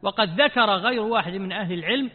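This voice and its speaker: High-voiced male teacher, tinny reverberant hall. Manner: addresses listeners as brothers, asks rhetorical questions and answers them; slows down when quoting verses. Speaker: Quran teacher. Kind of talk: Quran commentary lesson.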